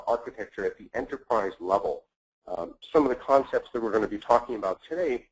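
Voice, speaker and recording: A man hosting and presenting a business webinar, speaking in a measured way with frequent filler words. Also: lowish voice, rough recording. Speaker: webinar host.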